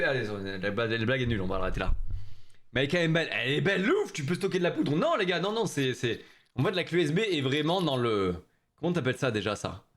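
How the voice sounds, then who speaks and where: A young man chatting with his viewers during a live stream, joking in slangy talk. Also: a little high. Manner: slangy, joking, talks straight to chat.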